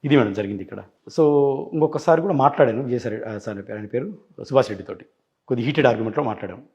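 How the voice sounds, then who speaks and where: A man's voice: mid-range voice, racing, darkish tone. A man in an interview, recounting events insistently and acting out quoted dialogue in other voices. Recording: dull lo-fi recording.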